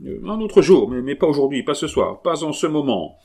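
A man's voice: a little high, big pitch swings, fairly quick, a little mellow, slightly rough, voice pushed up, heavily acted. Man doing a stammering, panicked murderer. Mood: frantic. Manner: stammering, frantic pleading. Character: panicking middle-aged male murderer.

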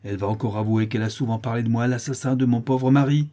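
A man's voice: mid-range voice, lively intonation, normal speed, warm tone, husky. A man voicing a harsh peasant widow who sells milk, in an accusing, insistent manner, for a storybook reading.

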